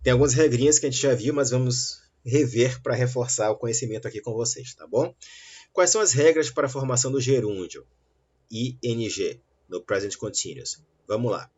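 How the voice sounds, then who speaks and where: A man teaching an English lesson, saying model sentences slowly and clearly between quicker explanations. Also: medium pitch, a little mellow. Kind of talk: online English lesson for Portuguese speakers. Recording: dull, lo-fi sound.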